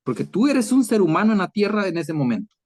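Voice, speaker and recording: A man's voice: high-pitched, sing-song, quick pace, darkish tone. A man preaching an online Bible lesson in a conversational way, acting out dialogue with scripture. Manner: conversational, preaching to a chat audience; acts out dialogue with Jesus and scripture.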